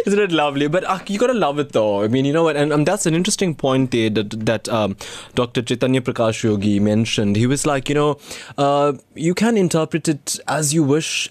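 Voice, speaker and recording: A man's voice: mid-range voice, darkish tone, dry recording. A man with a Durban Indian South African accent hosting a casual radio talk show, conversational and often rephrasing himself mid-thought. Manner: halting, frequently rephrasing, conversational.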